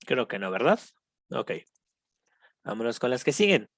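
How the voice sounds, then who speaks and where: Mexican english teacher going over grammar, calm and patient, slows down on the english words, keeps checking in. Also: medium pitch, dry recording, studio quality. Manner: patient, repeats each example, checks in with students; switches between Spanish and slow English examples. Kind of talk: recorded online grammar lesson.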